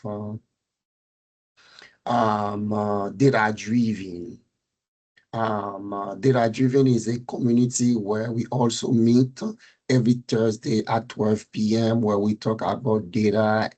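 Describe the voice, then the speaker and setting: Middle-aged male presenter with a Haitian Creole-French accent, unhurried and a bit husky, pausing often on fillers. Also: mid-range voice, a little mellow. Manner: halting, many fillers and restarts. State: recovering from a fever and cold. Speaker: meetup speaker, data architect. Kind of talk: technical presentation on a video call.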